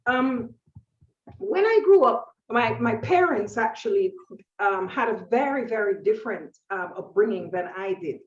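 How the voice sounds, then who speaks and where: A woman's voice: on the high side, expressive, measured pace, muffled recording. Reflective woman around sixty, distant echoey sound. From Jamaica. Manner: reflective, thoughtful, with frequent fillers and restarts. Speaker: author and painter, guest. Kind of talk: conversational interview.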